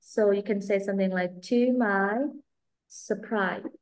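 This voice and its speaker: A woman with a Vietnamese accent teaching an online English speaking class, modelling sample answers and then explaining quickly. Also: medium pitch. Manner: switches between model English answers and brisk explanations, animated.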